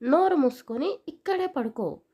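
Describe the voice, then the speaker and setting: A woman's voice: high-pitched, expressive, moderate pace, mellow. A woman voicing a brusque, impatient young husband in an audio story, with curt, scolding lines.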